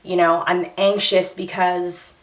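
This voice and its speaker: A woman's voice: on the low side, flat delivery, takes it slowly. A young woman, chatting candidly in a personal vlog and a little short of breath. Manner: candid and chatty, with many fillers and restarts. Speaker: vlogger. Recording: echoey room, voice a bit far from the mic.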